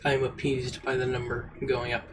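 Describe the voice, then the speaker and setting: A man streaming a game, chatting casually and reading the game's text aloud in relaxed asides. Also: mid-range voice, brisk, a little hiss or hum. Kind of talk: casual gameplay commentary.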